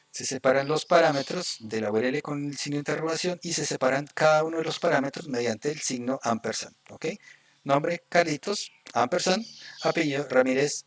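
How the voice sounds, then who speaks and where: A man teaching a live coding lesson. He explains each step slowly and often checks in with his students. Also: medium pitch. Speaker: programming instructor.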